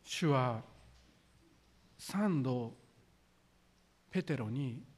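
男性の説教者, 重々しく語りかける, 少し高い声. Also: male voice, fairly high pitch, slightly rough. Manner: solemn, deliberate preaching with formal sentence endings. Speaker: pastor. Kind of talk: sermon.

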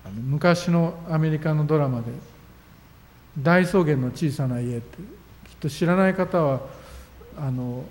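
A man's voice: a little high, unhurried, long pauses, darkish tone. A man preaching a sermon as a pastor, earnest and emphatic, with sudden rises in his voice. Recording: long reverb of a hall.

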